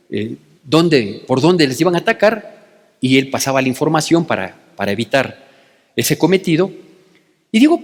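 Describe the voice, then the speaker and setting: A man's voice: fairly high pitch, long reverb tail. A male pastor preaching a conversational sermon with an Ecuadorian Spanish accent, reading Bible verses and often checking in with "¿sí?". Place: church sanctuary.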